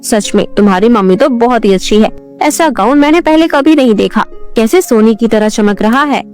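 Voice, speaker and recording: A woman's voice: on the high side, animated, moderate pace, darkish tone, soft background music, close to an everyday voice. Woman voicing a snide mocking college girl. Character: mocking rich college girlfriend.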